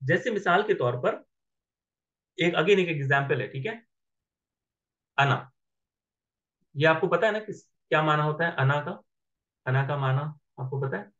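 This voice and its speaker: A man's voice: fairly high pitch, lively intonation, a little slow, long pauses, a bit bright, highs cut off. A man teaching Arabic grammar in an online class, patiently asking his students whether they follow. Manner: patient, checks understanding with questions.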